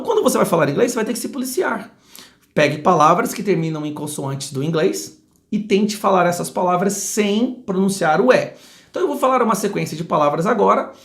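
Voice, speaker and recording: A Brazilian man teaching English pronunciation, speaking close to the mic and slowly repeating model words with emphasis. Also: sits high. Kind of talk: pronunciation lesson. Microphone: close microphone.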